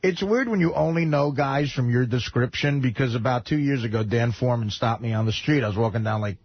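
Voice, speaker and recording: Gravelly male radio sidekick telling stories. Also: medium pitch, brisk, no room sound. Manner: storytelling, deadpan asides. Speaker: radio show regular. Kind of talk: anecdotal talk radio banter. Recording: slightly muffled radio broadcast.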